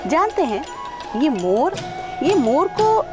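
A woman's voice: high-pitched, very animated, takes it slowly. A woman storyteller introducing and telling folk tales, speaking directly to children. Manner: warm, addressing children directly. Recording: music playing underneath. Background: background music.

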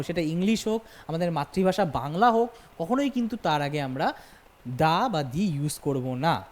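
A woman teaching an exam-prep grammar lecture, repeating each point and checking in with quick questions to her students. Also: lowish voice, dark tone.

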